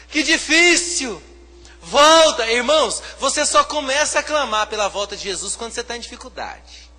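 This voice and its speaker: A man with a Brazilian Portuguese accent, a pastor preaching a sermon, swinging from hushed to loud, fervent delivery. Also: very high voice, big-room sound.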